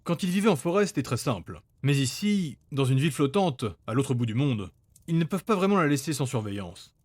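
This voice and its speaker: A man's voice: medium pitch, expressive, a little fast, a little mellow, no echo. A man reading scripted narration for a fantasy audio story.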